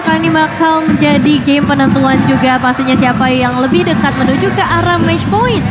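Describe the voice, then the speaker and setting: A woman with an Indonesian accent giving live esports play-by-play in long, driving sentences. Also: high voice. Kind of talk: fast live match commentary. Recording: loud music and crowd behind. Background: game music and crowd noise.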